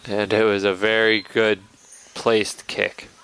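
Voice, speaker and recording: A man's voice: on the low side, little pitch movement, slow pace, a bit bright, slight background noise, rough recording. A man giving conversational color commentary on a live soccer match.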